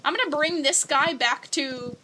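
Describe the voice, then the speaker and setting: A woman's voice: high voice, moderate pace, pushed and bright, a little hiss or hum. A young woman streamer chatting casually as she plays a game, reading chat and giggling often. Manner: chatty and giggly, coos at pets. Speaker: gaming streamer.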